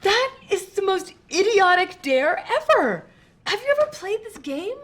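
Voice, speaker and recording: An actress playing a sharp, quick-witted young woman doctor with a teasing delivery, from a TV drama. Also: very high-pitched, big pitch swings, full character voice.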